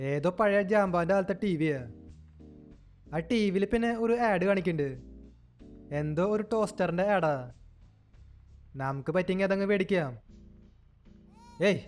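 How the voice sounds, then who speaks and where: A young man giving playful game commentary, teasing and cooing at an in-game baby as if it were a child. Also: high-pitched. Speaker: gaming channel host.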